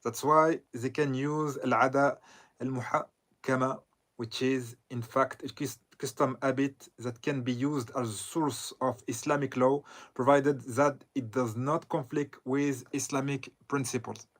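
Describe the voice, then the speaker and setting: This is a man lecturing as an Islamic scholar at a very slow, deliberate pace. His voice sits at an ordinary middle pitch for a man. He talks haltingly, with frequent pauses and self-corrections. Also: steady tone. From southern Lebanon. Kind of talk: lecture commenting on a read text.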